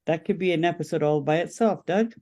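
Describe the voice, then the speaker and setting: A podcast guest representing a political campaign explains positions during an interview. The voice is medium in pitch, brisk and mellow.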